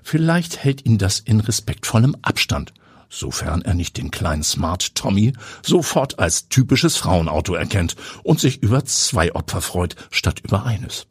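A man with a low, very breathy and husky voice narrates a story with suspense, now and then sinking to a whisper. His melody moves a lot. The sound is close and dry, with no room echo. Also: sing-song, unhurried. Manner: suspenseful, sometimes dropping to a whisper. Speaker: audiobook narrator. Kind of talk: scripted narration.

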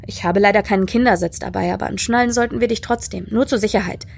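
A calm, polite grown man speaks plainly and reassuringly, voiced by a woman reader. Her own slightly gravelly tone stays in it, with faint music underneath. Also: medium pitch, fast talker, lightly acted. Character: adult man, calm helpful driver.

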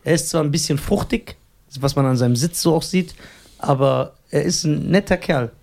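A man talks in a casual podcast chat. His voice sits a little high. He teases and rambles, often breaking into laughter. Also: moderate pace, gravelly, darkish tone. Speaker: podcast co-host.

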